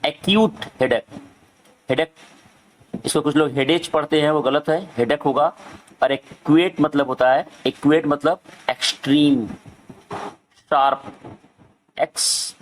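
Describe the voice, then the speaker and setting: A male schoolteacher explains a story lesson to children, reading each English line slowly and then going back over its meaning. His voice sits at an ordinary middle pitch. A faint hiss runs under the recording. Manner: slow, repetitive, reads English lines word by word. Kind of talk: classroom lesson explaining in Hindi.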